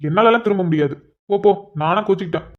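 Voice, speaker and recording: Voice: mid-range voice, rapid-fire, close to an everyday voice. An exasperated young cartoon husband, voiced by a performer, pleading and sighing to himself. The audio is a little dull and lo-fi. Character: flustered young married man, patient and exasperated.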